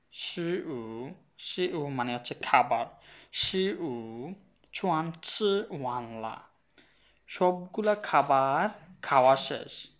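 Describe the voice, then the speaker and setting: A man's voice: medium pitch, a bit bright. A man teaching a language class, explaining words step by step and repeating examples with questions to his students. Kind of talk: spoken language lesson.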